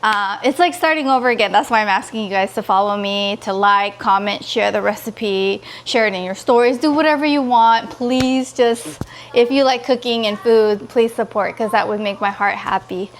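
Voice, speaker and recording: Expressive higher-pitched woman vlogger chatting. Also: moderate pace, a little hiss or hum. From California. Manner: expressive, pleading and gushing, quotes others in dialogue. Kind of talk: casual chatty vlog.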